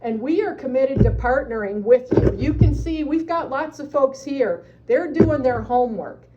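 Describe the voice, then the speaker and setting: At a county meeting, a woman addresses the supervisors during public comment, earnestly urging them to act. Her voice sits high with lively intonation at a moderate pace, though the audio is dull and heavy background noise intrudes.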